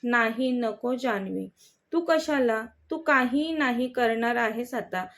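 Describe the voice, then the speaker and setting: A woman reading as a fond, gentle mother. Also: a little high, slow. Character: caring middle-aged mother, fond and gentle.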